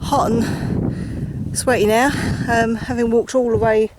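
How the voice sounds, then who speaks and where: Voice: medium pitch, little pitch movement, slow pace. A person with an Essex accent giving a chatty, casual nature vlog narration while out on an open hillside. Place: outdoors on an open countryside hillside. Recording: noisy outdoor recording with ambient noise.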